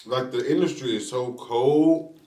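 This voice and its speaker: A man's voice: mid-range voice, measured pace, warm tone. A man chatting casually and slangily to viewers as he eats fried chicken during a mukbang. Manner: eating fried chicken while talking; colloquial, slangy, addresses viewers as y'all. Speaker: mukbang vlogger. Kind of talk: casual chat to viewers while eating. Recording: roomy echo, distant from the mic.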